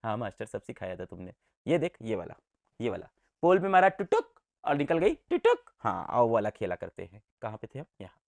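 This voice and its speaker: A man's voice: mid-range voice, huge pitch swings, normal speed, gravelly, darkish tone, no room sound. A man teaching a science class in a playful, sing-song manner, with a voice that leaps up and down. He keeps repeating key words, quizzing his students and making sound effects. The sound is close and dry.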